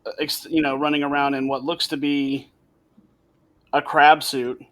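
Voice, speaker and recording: A man's voice: on the high side, little pitch movement, measured pace, a bit bright. Man co-hosting a movie podcast. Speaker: podcast co-host. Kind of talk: casual podcast chat. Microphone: remote call.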